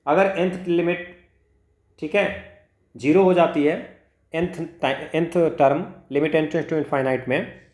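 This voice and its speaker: Fairly high in pitch, steady and a little mellow, this man takes it slowly. He teaches maths for exam preparation in an Indian accent, informally and step by step, asking himself questions, mixing two languages and leaning on check-words. The sound is roomy and echoing.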